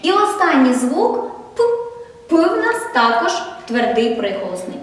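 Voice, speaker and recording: A woman primary school teacher giving a first-grade literacy lesson, speaking slowly and clearly, asking questions and praising answers. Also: high voice, big pitch swings, very echoey, in a large hall, far from the mic. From Ukraine.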